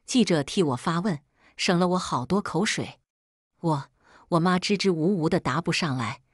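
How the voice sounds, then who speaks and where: A woman's voice: on the low side, husky, dry recording, studio quality. A woman narrating a first-person drama story and reading every character's lines in her own voice.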